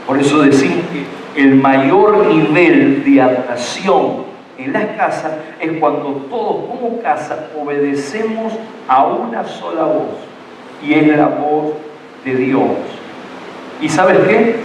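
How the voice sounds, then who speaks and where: A middle-aged pastor preaches a sermon in a church sanctuary, earnest and full of repeated words and restarts. His voice is on the high side, expressive and slow. The distant mic picks up an echoey church hall.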